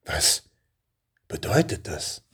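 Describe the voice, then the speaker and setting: A man's voice: low voice, sing-song, a little slow, slightly rough, full character voice. A man reading a storybook, voicing a huge, wary fire-breathing dragon that speaks in a threatening, brusque way. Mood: puzzled.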